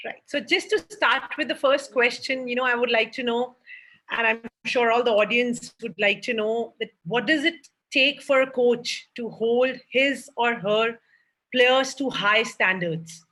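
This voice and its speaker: A woman's voice: on the high side, measured pace, fairly bright tone, poor audio. A woman from India co-hosting an online panel interview, asking questions politely over a video call whose audio keeps breaking up. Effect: choppy online stream, audio breaking up. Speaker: co-host, basketball player.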